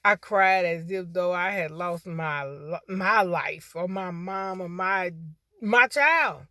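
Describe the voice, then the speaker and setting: A woman in her fifties gives an emotional, heartfelt testimonial of thanks as a grateful customer, repeating "when I tell you" to stress her points. Her fairly low voice is slow, pushed, and bright, captured in a dry, studio-quality recording.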